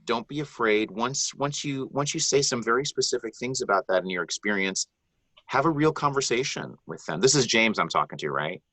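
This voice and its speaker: A Bahamian man with a deep voice answers questions as a guest narrator in a live online video Q&A offering advice. His tone is bright and forceful, and he speaks earnestly but rambles, with plenty of ums and restarts. The audio is dry and close, with no echo.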